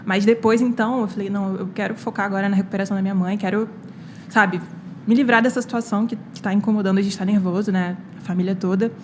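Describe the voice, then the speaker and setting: A young Brazilian medical student, appearing as a guest on a casual podcast, talks fast in a mid-range voice as she tells a personal story. Her animated retelling is full of quoted lines and fillers, and the background is noisy.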